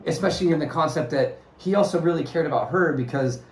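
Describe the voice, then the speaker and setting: A man's voice: a little high, fast, slight background noise. A man co-hosting a casual movie review chat, earnest and discursive, often restarting his phrases. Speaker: podcast co-host. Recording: roomy echoey room sound.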